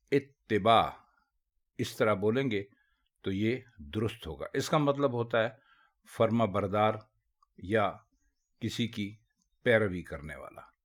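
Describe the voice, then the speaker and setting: A man with a lowish voice teaches Urdu pronunciation one word at a time. He speaks very slowly and deliberately, stressing each correct form. The tone stays patient and instructive throughout. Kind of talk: spoken word lesson.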